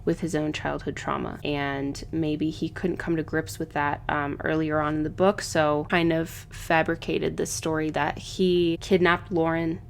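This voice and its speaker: A woman giving a casual, thoughtful book analysis, often pausing with "um" as she works through her ideas. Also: deep voice, flat delivery, gravelly, slight background noise. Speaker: book reviewer. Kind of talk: book analysis video essay.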